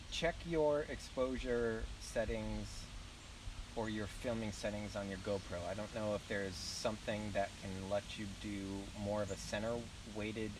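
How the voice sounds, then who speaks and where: Southern guy rambling on a live stream outdoors, lowish voice, kinda far from the mic, faint outdoor hiss. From southern United States. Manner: rambling, loose, swears casually. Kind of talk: casual live-stream chat. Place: outdoors at a campground.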